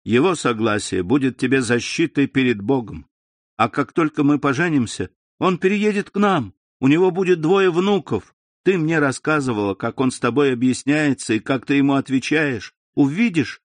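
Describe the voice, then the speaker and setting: A man's voice: medium pitch, animated, normal speed, dry recording, natural voice. A man voicing a devoted young man in love in a storybook reading, earnest and heartfelt.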